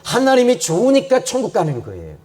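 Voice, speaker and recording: A male pastor preaching a sermon and praying, swinging from loud fervent repetition to quiet, low reflection. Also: huge pitch swings, fairly quick. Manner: repeats phrases for emphasis. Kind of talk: sermon with prayer.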